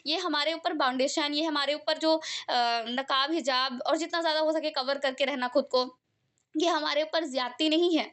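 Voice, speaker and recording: A woman's voice: high voice, fairly bright tone. Young woman, talking earnestly and chattily about faith, lots of fillers. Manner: earnest, conversational, with many fillers and tag questions. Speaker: religious talk speaker. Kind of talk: informal religious talk to listeners.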